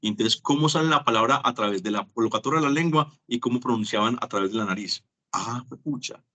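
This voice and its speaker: A man's voice: mid-range voice, fast, sharp tone. A man giving an online teaching lecture, chatty and acting out small dialogues as examples. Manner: chatty, acts out little dialogues. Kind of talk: web conference lecture.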